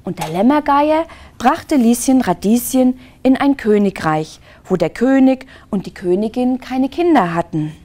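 A woman reading a children's book aloud in a library, expressive and drawing her listeners in. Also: on the high side, measured pace.

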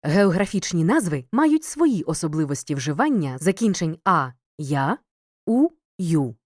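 Measured woman's lesson voice-over. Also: lowish voice, sing-song, no echo, studio quality. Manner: clear, measured, reads word lists with pauses. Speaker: teacher narrating a grammar lesson. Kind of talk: scripted educational narration.

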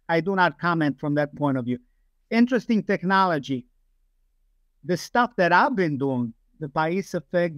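A man's voice: on the high side, no echo. An older man from Romania, speaking emphatically as a guest on a video call from home, with many fillers. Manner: emphatic, digressive, frequent fillers. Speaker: guest, aerospace engineer. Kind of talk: casual interview over video call. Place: home room, indoors. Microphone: webcam video call.

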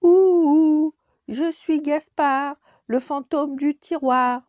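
A woman voicing a little boy ghost who hoots and wails in a high, drawn-out voice, with a dull lo-fi sound. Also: no room sound. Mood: wailing. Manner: high wailing ghostly hooting. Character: little boy ghost, sulky, then vengeful.

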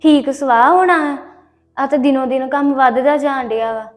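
A woman's voice: high voice, normal speed, faint music behind, lightly acted. A woman playing a fed-up young wife. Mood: resentful. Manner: resentful, complaining. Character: fed-up young wife resenting her in-laws.

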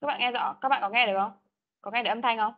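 Her voice sits on the high side and races along as she leads an online English class. Patiently, she repeats prompts and corrects pronunciation, captured through a video call mic in dull lo-fi call audio.

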